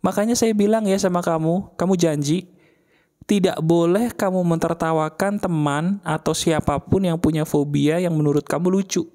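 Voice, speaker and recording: A man's voice: a little high, steady tone, normal speed, dark tone. A man giving a casual motivational talk, speaking straight to the listener with emphatic, colloquial phrasing and repeated rhetorical questions.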